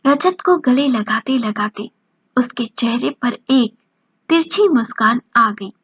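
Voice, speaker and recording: A woman narrating a romance story in a slow, even reading voice, lightly voicing the dialogue. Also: fairly high pitch, slightly rough, no room sound. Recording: dull lo-fi dry recording.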